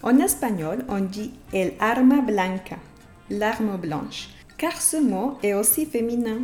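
A woman hosting a podcast language lesson who explains slowly and carefully, and who repeats example words for her learners. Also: medium pitch, animated, a little mellow, soft background music. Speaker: Spanish teacher and podcast host.

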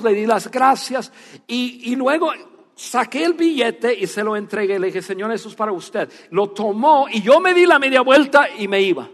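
Pastor, high tenor, earnest storytelling sermon, recorded with hall reverb. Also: male voice. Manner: animated storytelling, then hushed and earnest. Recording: long reverb of a church hall.

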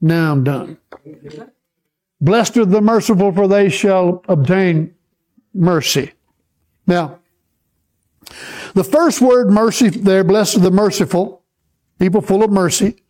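A man preaching a sermon, teaching slowly and checking in with the congregation as he goes. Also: high-pitched, a little mellow. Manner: slow, repetitive, checks in with the congregation. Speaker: pastor.

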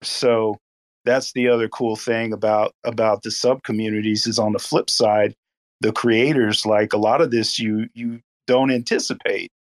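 A man's voice: lowish voice, steady tone, normal speed, dry recording. A man speaking casually and reflectively, with admiration, in an online group chat. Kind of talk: casual talk in an online audio space.

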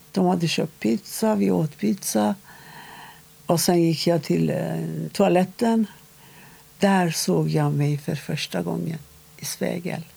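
A woman interviewee recounting a personal story in a halting, measured way, with short pauses. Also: on the low side, creaky, warm tone, slightly rough.

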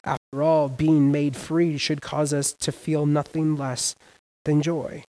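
A man preaching a sermon as pastor, emphatic and casual, with sudden loud rises and everyday slang. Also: on the high side, level tone, slow, rough recording.

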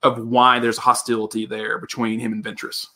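A man co-hosting a podcast in casual chat, telling stories with quick asides. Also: mid-range voice. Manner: animated storyteller, quick asides. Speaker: podcast co-host.

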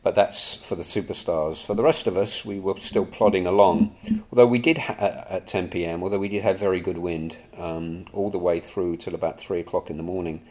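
A man speaks in a low-pitched voice. He delivers a guest report for a podcast in a conversational, unscripted manner, recounting his experience to listeners. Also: fairly even intonation, fairly quick, few pauses, a little mellow.

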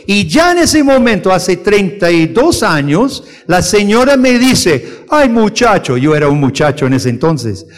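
A man from the United States teaching a church class and taking questions, speaking earnestly with halting restarts and growing urgency. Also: high voice, sing-song, long reverb tail. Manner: earnest, rises to forceful urgency when preaching. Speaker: missionary teacher.

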